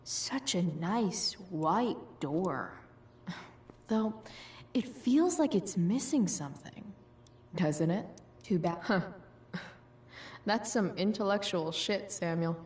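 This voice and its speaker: A woman's voice: on the low side, lively intonation, slow pace, long pauses, darkish tone, slightly rough, full character voice. An actress playing a sardonic, rebellious teenage girl in a video game, with a casual, sarcastic way of speaking. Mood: dry, mocking.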